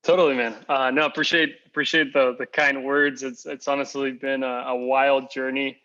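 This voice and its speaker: A young man from Costa Rica, the guest, telling his story in a relaxed interview with many fillers and repeated words. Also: mid-range voice, moderate pace. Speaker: founder and guest. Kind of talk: casual interview. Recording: slightly dull lo-fi audio.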